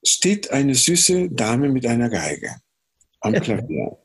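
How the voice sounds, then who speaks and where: A man from Chile with a Chilean Spanish accent, a music producer telling animated stories in a podcast interview, humming melodies and acting out dialogue. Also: mid-range voice, slow, slightly rough. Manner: animated storyteller who hums melodies and acts out dialogue. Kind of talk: casual podcast interview storytelling.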